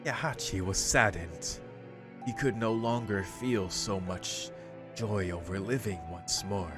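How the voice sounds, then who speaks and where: This man plays through a visual novel on his let's play, taking things slowly in a lowish voice. Game music accompanies his casual commentary and his reading of the dialogue.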